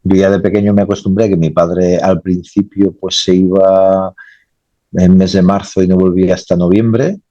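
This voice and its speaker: A man's voice: deep voice, flat delivery, moderate pace, dark tone, no room sound, lo-fi sound. A man, a naval engineer, answering interview questions casually and rambling, often adding tag questions.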